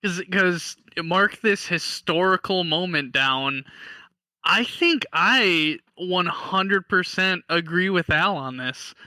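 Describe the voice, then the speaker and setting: A man co-hosting a casual movie-review podcast, talking in a relaxed, thoughtful, halting way. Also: sits high, dry recording. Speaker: podcast co-host.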